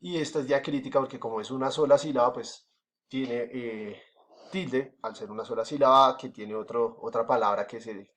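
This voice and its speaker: A man with a Colombian accent teaching a recorded school lesson, explaining step by step with many fillers and frequent checks that the class is following. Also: mid-range voice. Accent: Colombian Spanish.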